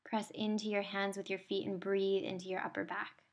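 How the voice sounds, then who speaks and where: Female yoga instructor, mid-pitched voice, soothing and encouraging delivery for guided movement and breathing. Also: flat delivery, moderate pace. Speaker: yoga teacher.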